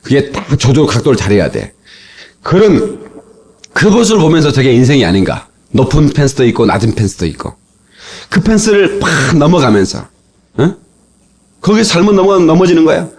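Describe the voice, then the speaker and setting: A man preaching a sermon as pastor, telling stories with lively asides and sudden shouted exclamations, heard from an old cassette tape. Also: medium pitch. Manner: animated storytelling with shouted exclamations.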